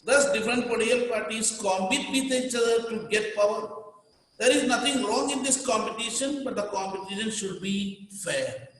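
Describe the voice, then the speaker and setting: In a classroom lecture, a man with a high, somewhat bright voice teaches at normal speed, repeating key words and telling students what to underline. The room is echoey with long reverb.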